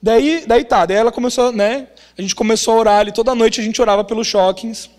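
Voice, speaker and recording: High-voiced Brazilian pastor in a reverberant hall. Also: male voice, brisk. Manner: animated, frequent tag questions, acts out family dialogue. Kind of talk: sermon storytelling. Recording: long reverb of a large hall.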